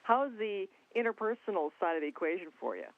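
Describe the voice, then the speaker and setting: Male radio interviewer heard over a tinny phone line; slightly high voice, friendly and curious. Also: sing-song, fairly quick. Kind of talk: conversational interview questions.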